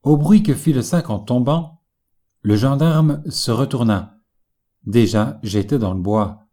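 A male audiobook narrator reads a classic novel in a measured, literary manner. His delivery is slow and unhurried. His tone is dark and mellow. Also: medium pitch.

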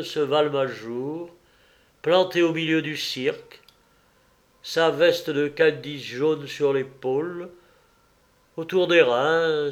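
A man narrating a novel as an audiobook, reading expressively and theatrically. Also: on the high side.

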